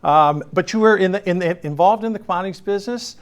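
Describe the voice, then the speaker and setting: Guy hosting a political talk show, fairly high voice, lots of uhs and restarts. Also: quick pace, smooth. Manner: hesitant, many fillers and restarts. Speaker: show host.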